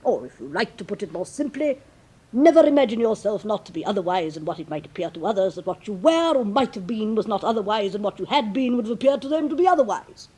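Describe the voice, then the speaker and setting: A woman acting a moralising, over-familiar storybook Duchess with a husky voice. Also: medium pitch, very animated, fast, warm tone. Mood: gushing. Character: gushing, moralising, affectionate, ugly storybook Duchess.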